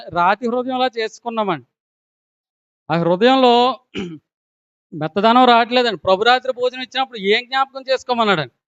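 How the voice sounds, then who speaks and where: A man's voice: very high-pitched, a bit bright, clear, resonant tone, dry recording, muffled recording. A man with a Telugu accent preaching a sermon, who keeps asking the congregation questions and adds a polite "andi" to his lines.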